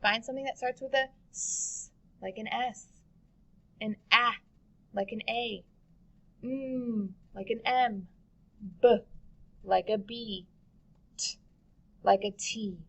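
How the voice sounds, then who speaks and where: A woman teaching a phonics lesson to young children, drawing out each letter sound slowly and patiently. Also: on the high side, fairly even intonation.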